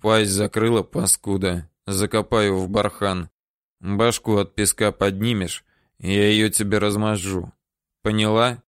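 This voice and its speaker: A man voicing a hard, threatening male interrogator for an audiobook, talking curtly, slowly and low. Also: little pitch movement, clear, resonant tone, dry recording, studio quality, natural voice. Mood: menacing. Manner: curt, threatening, slow and low. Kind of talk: audiobook character voice.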